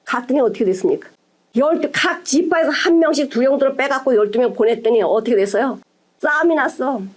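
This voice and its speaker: A woman's voice: high-pitched, lively intonation, a little fast. A woman pastor delivering a sermon, emphatic and full of rhetorical questions to her congregation, moving between formal and casual speech.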